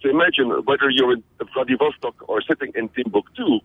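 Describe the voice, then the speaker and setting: This Belgian man, a conference organizer interviewed on the radio, talks quickly with a breathy edge at medium pitch. He's energetic and tends to repeat words when starting a sentence, and the line sounds tinny, like a phone.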